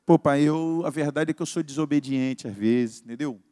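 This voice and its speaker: A man voicing his own young son, who quietly and honestly admits his faults in a low mumble. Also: moderate pace, close to an everyday voice. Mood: sheepish. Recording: reverberant hall.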